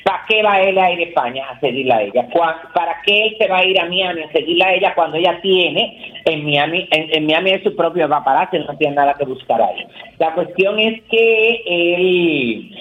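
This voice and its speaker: A woman's voice: on the low side, lively intonation, measured pace, echoey room, narrow, tinny audio. A woman co-hosting a radio show, chatting casually about celebrity gossip and rambling with many fillers.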